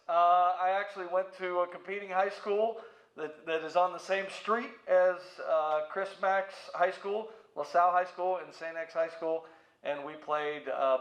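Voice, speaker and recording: A museum president and CEO, this middle-aged American interview guest speaks at normal speed in a steady, fairly bright, high voice. His answers are casual, playful, and story-driven, recorded in an echoey room with slightly dull audio.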